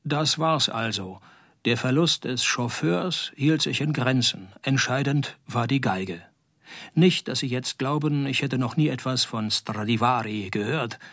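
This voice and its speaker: A man playing a wisecracking, world-weary private detective in a noir radio drama, with a dry, sardonic, deadpan delivery. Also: medium pitch, dry recording.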